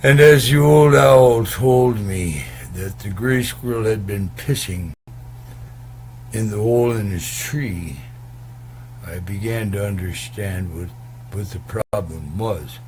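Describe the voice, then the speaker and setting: Slow rambling comic storyteller man. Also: lowish voice, a little mellow, a little hiss or hum. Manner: rambling, full of hesitations and crude asides. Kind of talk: rambling comic tall tale.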